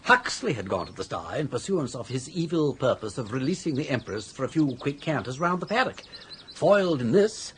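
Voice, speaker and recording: In a radio comedy drama, an actor lightly plays a genial, scheming older upper-class English gentleman, urbane, florid and self-assured. His mid-range voice swings widely in pitch at a brisk pace, with a little hiss or hum in the recording.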